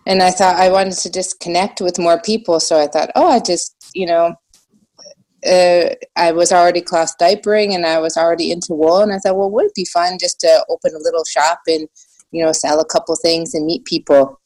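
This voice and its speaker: Lower-voiced American woman, slight German accent. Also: steady tone, fairly quick, a little mellow. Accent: American with a slight German influence. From United States. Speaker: podcast guest, small shop owner. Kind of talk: casual interview chat.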